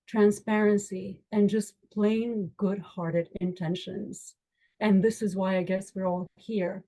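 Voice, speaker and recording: A Romanian woman, an attorney who sits on an education board, speaks to a virtual community meetup over a video call, her medium-pitched voice dark in tone on a low-quality recording. She's earnest and uplifting, moving slowly and deliberately through emphatic lists.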